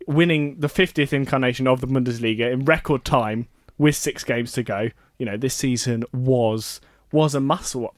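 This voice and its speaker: A man's voice: mid-range voice, dry recording, clean studio sound. Chatty male sports radio host. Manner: chatty, laughs often, self-correcting. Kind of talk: casual radio chat.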